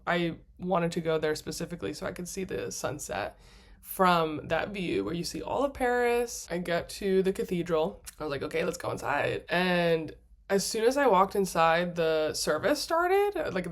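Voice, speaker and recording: Woman travel vlogger with a lower register, chatty and gushing, quick to laugh mid-sentence. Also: big pitch swings. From United States. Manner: acts out her own past thoughts in quoted asides. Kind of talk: casual storytelling to camera.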